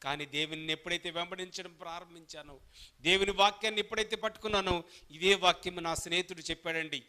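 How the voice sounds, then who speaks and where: A man preaching a sermon, asking the congregation questions and answering them himself, calling on them to shout along, and moving between soft asides and loud, drawn-out calls. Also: high voice, fairly even intonation. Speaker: pastor.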